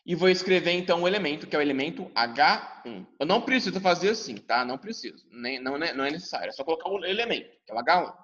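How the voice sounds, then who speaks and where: Talking fast with few pauses, a Brazilian teacher with a Brazilian Portuguese accent addresses his class directly and acts out their questions in a lively lesson. His pitch is fairly high, his delivery expressive and his tone fairly bright. The recording sounds dull and reverberates at length.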